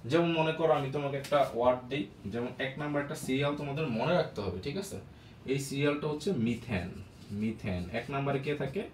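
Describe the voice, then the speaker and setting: A man's voice: mid-range voice, quick pace. Echoey male chemistry teacher. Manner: asks questions and answers them himself, repeats key words. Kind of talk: classroom lesson, call-and-response. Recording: echoey room with faint background noise.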